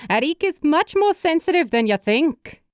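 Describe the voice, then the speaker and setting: Motherly matron, voiced by a woman, knowing, gently teasing, raised bright voice, storybook reading. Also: sits high, very animated, moderate pace, no echo, studio quality, voice pushed up. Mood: fond. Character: motherly, playful middle-aged woman.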